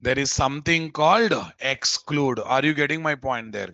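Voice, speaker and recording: Teaching live code informally, this Telugu-accented man repeats phrases, quizzes learners to confirm understanding, and addresses them familiarly. He speaks at medium pitch and normal speed with a bright, forceful tone. The lo-fi recording has no room sound.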